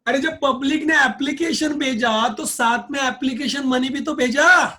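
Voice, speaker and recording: A man's voice: very high voice, moderate pace, pushed and bright. A male accounts teacher giving a classroom lecture, drilling his students with repeated questions.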